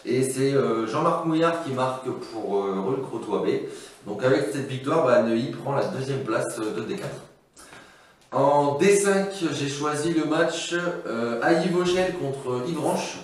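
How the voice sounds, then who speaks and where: A man's voice: mid-range voice, animated, a little slow, far from the mic, a little hiss or hum. Hesitant man hosting in an echoey room. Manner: hesitant, many fillers. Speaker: podcast host. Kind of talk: casual results roundup.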